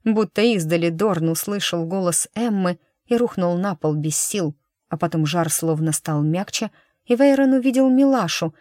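Female audiobook narrator, measured storytelling, low-set voice, dry sound. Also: expressive, a little mellow, no room sound.

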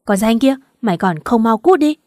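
A fierce old matriarch giving commanding orders, as a woman reads her lines. The voice is mellow and low in tone, recorded dry and close. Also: animated, normal speed, no room sound, close to an everyday voice. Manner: sharp, commanding.

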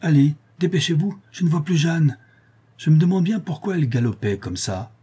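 Un homme lisant un livre audio fait parler un artisan bouleversé qui bredouille puis presse ses amis. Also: male voice, on the high side, sing-song, moderate pace, dark tone, husky, pitched above the performer's own voice, exaggerated voice. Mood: urgent. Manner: stammering, then urging on. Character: shaken, bitter male artisan friend.

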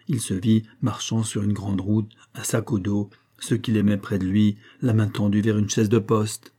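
Low, husky male audiobook narrator. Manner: steady, literary reading. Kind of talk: scripted narration.

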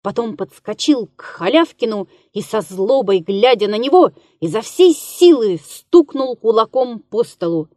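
A woman reading a classic story aloud in a measured, even storytelling manner. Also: a little high, no room sound, clean studio sound. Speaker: narrator. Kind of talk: literary audiobook reading.

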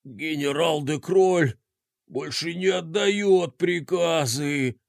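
A man voicing a stern, proud old rabbit general in a children's story, speaking slowly and heavily. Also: on the high side, vocal fry. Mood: solemn. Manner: slow, heavy, solemn.

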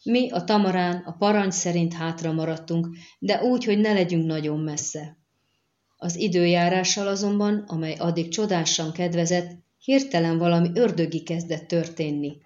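A blunt, superstitious seafaring man, read by a woman in a low voice for an audiobook. He speaks plainly and barks orders at his crew. The audio is dull and lo-fi. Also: a little mellow, lightly acted. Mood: reporting. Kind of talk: audiobook character reading.

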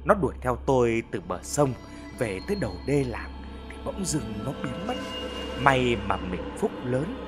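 A man voicing a frightened middle-aged village husband recounting a scare, slow and breathless, in an audio story. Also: medium pitch, sing-song, over music. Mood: shaken.

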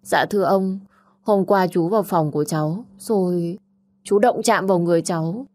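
A woman's voice: fairly low pitch, moderate pace, dark tone, lightly acted. A woman narrator voicing a tearful, pleading seventeen-year-old girl. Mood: distraught. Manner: sobbing, pleading.

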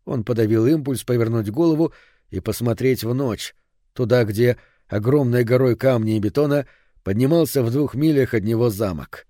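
A man narrating an audiobook in an even, measured reading voice. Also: mid-range voice, dry recording, studio quality. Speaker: audiobook reader.

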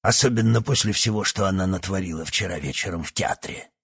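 A man's voice: low voice, brisk, creaky, fairly bright tone, slightly rough, no echo, studio quality, full character voice. A man voicing a scheming old doctor who is secretly a villainous professor, speaking in a condescending, sly way in an audiobook. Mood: sinister. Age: over 60. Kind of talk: audiobook character acting.

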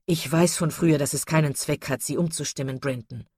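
A woman doing a loud, hearty gentleman. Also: low voice, steady tone, brisk, husky, no echo, studio quality. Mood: insistent. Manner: loud, insistent. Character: hearty, insistent country gentleman.

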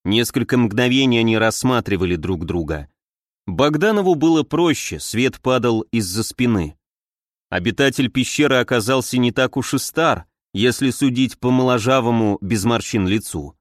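Male audiobook narrator, steady reading, dry studio sound. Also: mid-range voice, normal speed, dry recording. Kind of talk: scripted narration.

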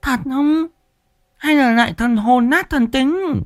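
A man voicing a sharp-tongued village wife in a high, nagging, mocking voice. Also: slow pace. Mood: scolding, doubtful.

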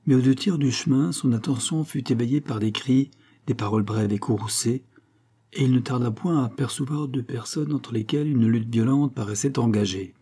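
A man reading a classic novel aloud as an audiobook narrator, in a steady, measured way. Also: mid-range voice, breathy edge. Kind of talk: scripted narration.

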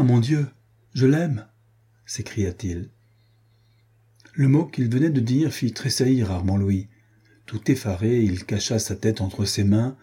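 Husky dark-voiced male narrator. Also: lowish voice. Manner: measured, storytelling. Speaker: audiobook narrator. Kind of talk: scripted narration.

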